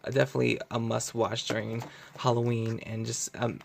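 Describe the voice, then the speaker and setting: Gravelly-voiced young man rambling casually. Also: mid-range voice, level tone, a little fast, a little hiss or hum. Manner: rambling, filler-heavy, self-correcting. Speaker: vlogger. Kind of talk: casual unscripted video review.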